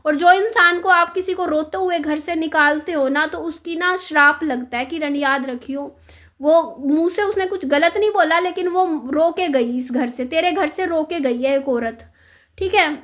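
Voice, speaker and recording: High-voiced chatty woman telling a story. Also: moderate pace, fairly bright tone. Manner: chatty, repeats herself, acts out quoted dialogue. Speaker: vlogger. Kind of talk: casual storytelling to camera.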